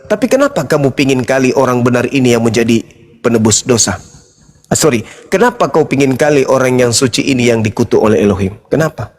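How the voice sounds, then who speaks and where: A man's voice: mid-range voice, lively intonation, brisk. A man debating faith on an online call, combative and mocking, repeating his questions and laughing at his opponents. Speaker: debater in an online interfaith discussion. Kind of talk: heated debate.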